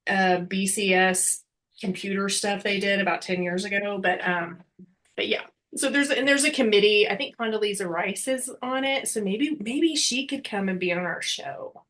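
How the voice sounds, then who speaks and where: A woman's voice: mid-range voice, moderate pace, fairly bright tone. A woman co-hosting a casual football podcast, chatty and hedging, often laughing as she talks. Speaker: podcast co-host.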